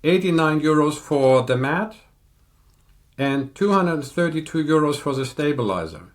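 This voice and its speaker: An older man in a casual podcast chat, explaining audio equipment in a measured, technical way. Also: on the high side, lively intonation. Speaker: audio reviewer guest.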